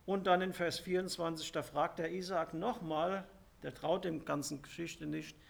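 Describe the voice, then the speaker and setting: A man preaching a sermon, slowly retelling and quoting scripture with emphasis. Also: fairly high pitch, fairly even intonation, vocal fry.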